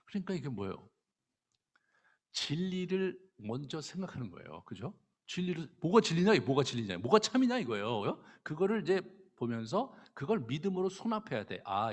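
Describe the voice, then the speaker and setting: Casting: pastor, man, gravelly husky voice, lively emphatic preaching. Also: medium pitch. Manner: emphatic, rhetorical questions, swings between loud and hushed. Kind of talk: evening prayer-meeting sermon. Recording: long church hall reverb.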